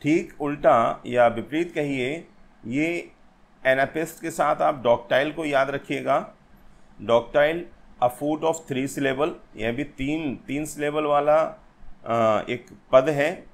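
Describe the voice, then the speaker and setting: Man, teacher, slow patient lecture, repeats key points, slightly higher voice. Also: gravelly. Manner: slow and repetitive, addresses viewers as friends, reads English definitions aloud. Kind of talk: exam-prep lecture on poetic meter.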